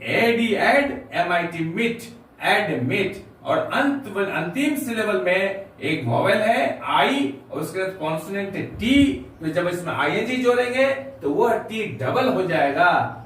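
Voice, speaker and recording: Male teacher, high voice, methodical letter-by-letter delivery; distant mic in a very echoey room with faint noise. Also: expressive, a bit bright. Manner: slow, spells words letter by letter. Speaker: English teacher. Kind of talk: grammar lesson explaining rules.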